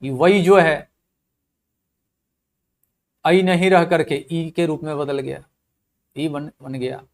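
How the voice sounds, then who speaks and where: A middle-aged man giving a classroom lecture on Sanskrit linguistics. He explains in a step-by-step way, repeats key words, asks rhetorical questions and stresses each example word loudly before dropping his voice. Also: on the high side, fairly even intonation, slow. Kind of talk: classroom lecture in Hindi with English terms.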